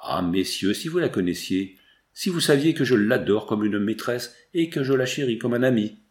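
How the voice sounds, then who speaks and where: A man's voice: medium pitch, expressive, moderate pace, lightly acted. A man reading the lines of a proud, grieving medieval prince in an audiobook, in a declamatory, pleading manner. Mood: mournful.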